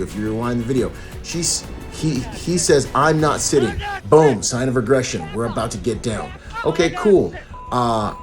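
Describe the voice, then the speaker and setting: A man giving casual, slangy video commentary and analysis as a protection professional, repeating points for emphasis. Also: medium pitch. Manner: slangy, informal, emphatic repetition.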